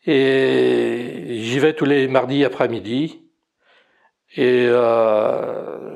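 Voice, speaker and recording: A retired Belgian man in his sixties, an amateur painter, talks about his painting in a casual interview. His Belgian French accent comes through a medium-pitched, creaky, slightly mellow voice, and he speaks hesitantly, full of fillers and restarts.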